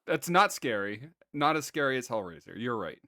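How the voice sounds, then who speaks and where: Podcast co-host, man, animated pitch, jokey, close dry mic. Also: normal speed, no echo. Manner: joking, animated, laughs often. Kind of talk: casual chat.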